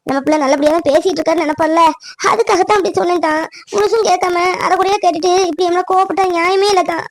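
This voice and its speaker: A woman voicing a tearful village girl, very high. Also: fairly even intonation, very fast, no echo. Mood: explaining. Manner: tearful, pleading. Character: young village woman Ponni, pleading lover. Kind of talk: cartoon drama.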